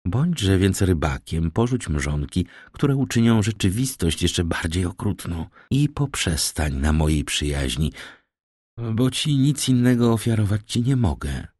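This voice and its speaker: A man's voice: sits low, very animated, a little slow, darkish tone, no room sound, clean studio sound, exaggerated voice. A man voicing a poor young village woman, firm and earnest as she turns down a suitor.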